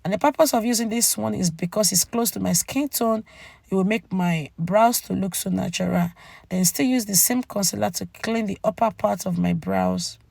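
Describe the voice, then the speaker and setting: Woman with a cracking, creaky, cold-struck voice. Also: medium pitch, normal speed, a little mellow, no echo. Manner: chatty, addresses viewers directly with tag "okay?". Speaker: beauty channel host. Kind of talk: makeup tutorial voice-over, casual narration.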